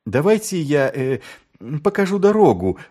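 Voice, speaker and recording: A man voicing an eager, earnest young male watchman in an audiobook, pitching his voice up. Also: normal speed, a little mellow, close to an everyday voice.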